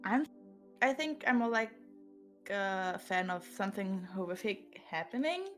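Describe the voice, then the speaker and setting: Giggly, animated young-sounding woman. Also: mid-range voice, a little slow, faint music behind. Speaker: player. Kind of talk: casual chat.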